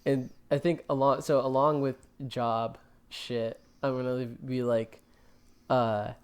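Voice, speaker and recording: A man's voice: medium pitch, little pitch movement, takes it slowly, clear, resonant tone. A man co-hosting a podcast in casual chat, rambling with lots of fillers and jokes. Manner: rambling, filler-heavy, jokey. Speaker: podcast co-host.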